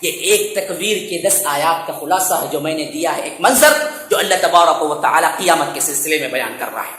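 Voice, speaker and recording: A man preaching a sermon, chanting Arabic verses loudly and then explaining them in a conversational way. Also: fairly high pitch, brisk, slight background noise. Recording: echoey hall.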